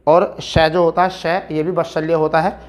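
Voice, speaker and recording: A male teacher talking students through an exam practice set. He checks in with them often and keeps urging them on, drawn out slowly when he reads verse aloud. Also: on the high side, little pitch movement. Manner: coaxing, repeats "ठीक है" often; recites verse slowly and deliberately. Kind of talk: explaining a practice test.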